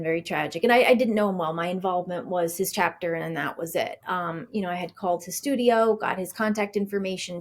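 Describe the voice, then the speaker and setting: Chatty woman telling a story in an interview. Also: fairly low pitch. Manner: chatty, animated storyteller who acts out quoted dialogue; frequent fillers and restarts. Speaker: author and podcast guest.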